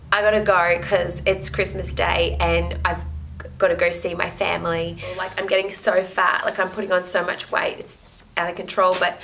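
A woman's voice: lowish voice, creaky, fairly bright tone, a little hiss or hum, rough recording. Chatty, emotional young woman vlogging at home. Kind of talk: casual vlog chat. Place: living room at home.

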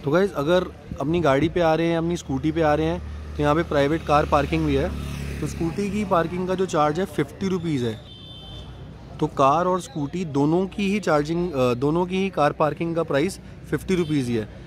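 Brisk and fairly high-pitched, a young adult travel vlogger casually explains things to camera, going over points repeatedly. He's filmed by a phone at arm's length outside near roads and parking and later in a parked jeep, with slight background noise.

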